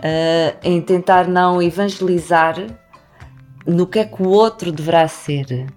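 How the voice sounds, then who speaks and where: A woman host with a lowish voice, making her points in a measured, earnest way. She builds her arguments in steady lists, with faint music underneath. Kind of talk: conversational discussion.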